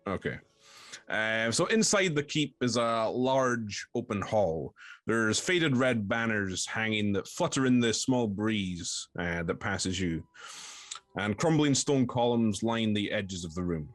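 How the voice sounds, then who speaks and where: A man's voice: fairly low pitch, lively intonation, takes it slowly, no echo. A man narrating a tabletop game as game master, hesitant and full of ums while describing scenes.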